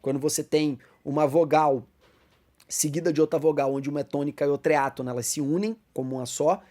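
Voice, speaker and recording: A man with a Brazilian Portuguese accent teaching a Bible class lesson, explaining step by step, calling listeners brothers and slowing down to recite verses. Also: on the high side, steady tone, dark tone. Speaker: Sunday school teacher.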